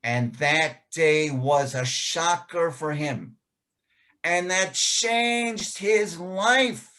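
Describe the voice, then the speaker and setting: Male podcast guest, motivational storyteller, slow and measured, preacherly repetition. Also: fairly high pitch, pushed and bright. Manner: preacherly, repeats phrases for emphasis.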